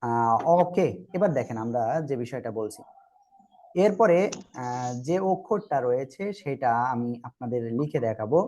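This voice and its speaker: This Quran teacher, with a medium-pitched and slightly mellow voice, runs an online group class. Letters are sounded out slowly and patiently, and the whole group is asked to repeat in unison.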